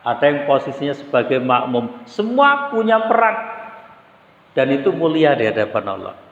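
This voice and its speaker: A man giving a relaxed, conversational sermon in a mosque, asking his listeners rhetorical questions. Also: medium pitch, normal speed. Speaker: Islamic preacher. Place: mosque hall. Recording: echoey hall, dull lo-fi sound.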